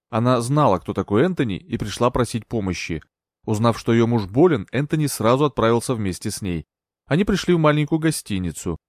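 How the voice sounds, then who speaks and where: Man, audiobook narrator, lively intonation, dry close sound. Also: mid-range voice, no room sound. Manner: expressive storytelling.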